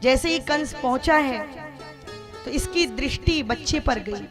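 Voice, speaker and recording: Woman devotional storyteller, slow, dramatic, fairly high voice, music behind. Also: animated. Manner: dramatic, emotive, voicing characters.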